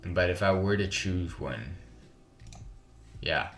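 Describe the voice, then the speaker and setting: Low-voiced casual gaming YouTuber. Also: male voice, slow pace, a bit bright, roomy sound. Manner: casual, rambling, self-correcting. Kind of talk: let's play commentary.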